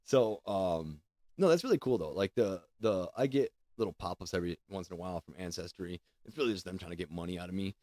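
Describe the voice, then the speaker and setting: Easygoing low-voiced male podcast host. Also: quick pace, dark tone, dry recording. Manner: rambling, easygoing, lots of fillers. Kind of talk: casual podcast chat.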